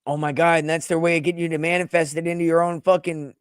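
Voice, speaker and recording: A man in his twenties co-hosting a podcast, chatting casually, swearing often and jumping higher when riled up. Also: fast talker, clear, resonant tone, no room sound, studio quality. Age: 20s. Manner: animated, swears a lot, laughs, jumps in pitch when riled up. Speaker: podcast co-host. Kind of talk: casual profane chat.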